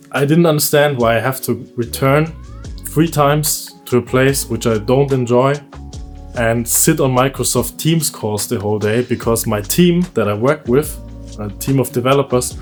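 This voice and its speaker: A vlogger in his 30s with a German accent and a mid-range voice tells a candid personal story, relaxed and conversational, often laughing along the way.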